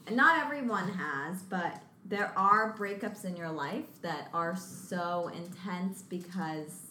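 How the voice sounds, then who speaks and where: A woman's voice: on the low side, slow pace, pushed and bright, slight background noise. A woman talking in a supportive, reflective way during a casual chat. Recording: echoey room with faint ambience.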